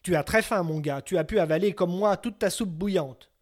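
A man voicing a huge, greedy, man-eating male giant in a storybook tale, speaking in a loud, threatening way. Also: high-pitched, moderate pace, lightly acted. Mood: surprised.

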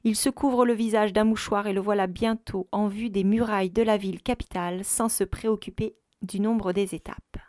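A woman narrating an audiobook in a measured, even reading. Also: medium pitch, no echo, studio quality.

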